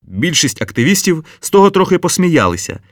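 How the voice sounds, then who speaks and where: A man narrating an audiobook in an expressive, lively reading. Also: fairly high pitch, a little fast, dry recording, clean studio sound. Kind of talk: scripted narration.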